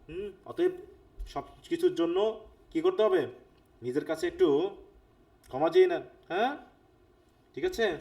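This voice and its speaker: Higher-voiced man with Bangladeshi accent teaching. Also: a little mellow. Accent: Bangladeshi Bengali. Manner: reads English lines slowly, then explains them, checking in with students. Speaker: English literature teacher. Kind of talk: live online lecture.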